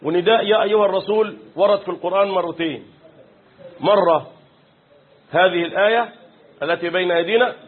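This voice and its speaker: A man's voice: high-pitched, a little fast, pauses often, husky. A man with an Egyptian Arabic accent teaching a Quran commentary lesson, chanting verses and quizzing students with rhetorical questions. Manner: recites verses in a chanted style. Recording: phone-like lo-fi recording.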